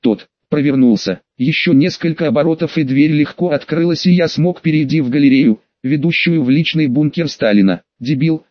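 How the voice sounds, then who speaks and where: A man's voice: on the high side, fairly quick, hardly any pauses, dry recording, dull audio. A man narrating a first-person audiobook in a wry, colloquial storytelling manner.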